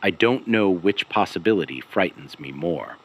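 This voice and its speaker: The host of an investigative audio series narrates a serialized mystery in a deep voice, sounding like a scripted podcast host laying out a case. He speaks gravely and carefully, with deliberate pauses. His intonation moves in a lively way.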